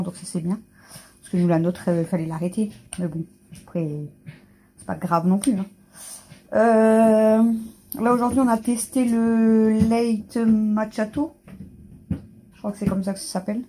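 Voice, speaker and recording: A woman's voice: mid-range voice, dark tone, a little hiss or hum. A woman vlogging casually at home, chatting through her shopping and cooing at her pets in a sing-song voice. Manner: chatty, unboxing and listing items aloud. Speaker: family vlogger. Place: at home indoors.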